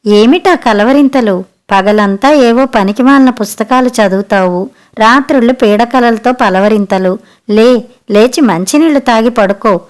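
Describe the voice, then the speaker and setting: A woman's voice: on the high side, measured pace, natural voice. Annoyed husband woken at night, a woman reading the part, curt and scolding, in a storybook. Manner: grumbling, scolding.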